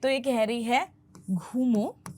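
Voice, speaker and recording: Female language teacher, high bright-pitched voice, unhurried delivery, patient and repetitive. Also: lively intonation, slight background noise. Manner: patient, repeats phrases slowly for learners. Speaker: English teacher. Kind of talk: explaining film dialogue in a language lesson.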